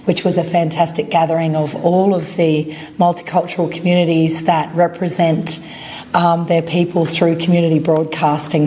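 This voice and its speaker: A woman with a voice raspy from a cold, giving a formal speech as a guest academic. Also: sits low, mellow. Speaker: professor and research centre director, guest speaker. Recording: noisy live event room.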